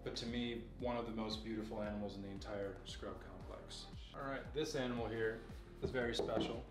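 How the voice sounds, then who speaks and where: A young man in his twenties casually showing and explaining snakes in an indoor reptile room, relaxed and knowledgeable, with many fillers. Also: on the low side, fairly quick, distant mic. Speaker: facility owner giving a tour. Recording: echoey room, off-mic, music behind.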